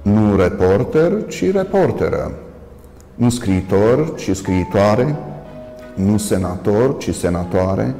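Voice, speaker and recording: Deep gravelly-voiced man lecturing. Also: expressive, dark tone, roomy sound, long reverb tail, soft background music. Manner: measured, halting with frequent "uh" pauses, stressing contrasting word endings. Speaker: priest and professor hosting a TV talk. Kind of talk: solo lecture-style commentary.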